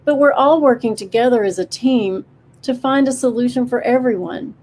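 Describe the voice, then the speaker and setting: An earnest frog, as a woman reader puts it on speaks up reasonably for teamwork. The voice is close to her plain reading voice, a shade higher. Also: normal speed, a little mellow, slight background noise, lightly acted. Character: cooperative frog on a forest council. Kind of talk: storybook character voice.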